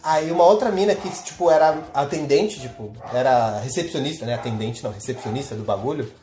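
A man's voice: mid-range voice, a little fast, a little mellow, roomy sound, soft background music. A young Brazilian man, a podcast host, casually telling a story in slangy talk full of reported dialogue.

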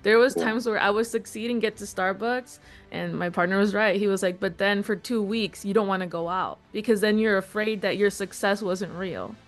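A woman's voice: medium pitch, normal speed, few pauses. Supportive woman host, faint music. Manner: supportive, relating with own experience. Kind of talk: casual interview chat.

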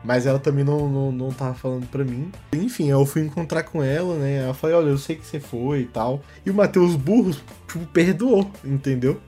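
A man's voice: medium pitch, brisk, hardly any pauses, dark tone, soft background music. A young man from Brazil, telling a long personal story in a rambling, casual way on a podcast. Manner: rambling, fillers like "mano" and "tá ligado". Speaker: podcast co-host.

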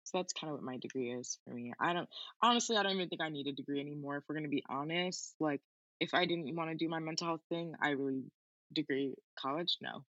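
Bright-voiced young woman, slightly muffled. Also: deep voice, fast talker, no room sound. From Queens, New York, United States. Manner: informal, frequent "like" as filler. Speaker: podcast guest, activist. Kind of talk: casual interview chat.

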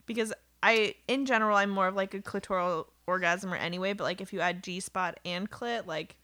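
A woman's voice: medium pitch, steady tone, a little fast, bright, forceful tone. A young woman on a podcast, chatting casually, laughing often and tossing in dry quips. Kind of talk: casual chat.

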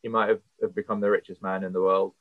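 Deep-voiced and level in tone, this man talks fast as an earnest, passionate podcast guest, working through his thoughts with fillers. The sound is dry with no room ambience, coming through a tinny phone-like line.

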